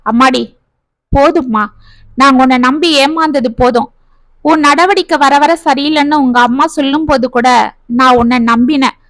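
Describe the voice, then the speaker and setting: A woman's voice: sits high, moderate pace, fairly bright tone, dry recording. A woman voicing a middle-aged father who talks in an anxious, pleading and worried way. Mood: distraught.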